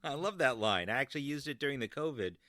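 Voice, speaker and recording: A man hosting a podcast in casual chat, talkative and quick to laugh. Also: medium pitch, lively intonation, pushed and bright, dry recording, soft background music. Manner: chatty, laughs often. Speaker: podcast host.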